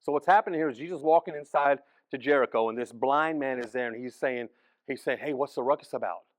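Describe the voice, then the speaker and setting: A man preaching as pastor, telling the story in an animated way, acting out the people in it and restarting phrases often. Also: mid-range voice, fast, dry recording. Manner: animated storytelling, acts out voices, frequent restarts. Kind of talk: sermon.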